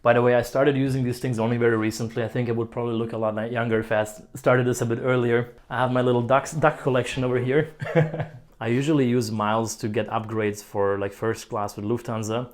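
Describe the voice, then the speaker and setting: A man's voice: mid-range voice, flat delivery, fast talker. Joking young man. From Croatia. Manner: joking, chuckles often. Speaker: vlogger giving an apartment tour. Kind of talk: casual chat. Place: apartment, indoors.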